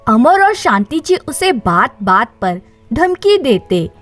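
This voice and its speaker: Faint music plays as a high-voiced woman narrates a dramatized moral tale at a very slow, storyteller's pace. Her intonation is lively and swings up and down.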